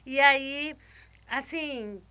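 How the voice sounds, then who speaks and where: Guest woman, testimony storyteller: bright, sharp tone, a touch high, vivid and repetitive retelling. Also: very slow. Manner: vivid retelling, repeating words, voicing others' lines. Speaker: guest giving a faith testimony.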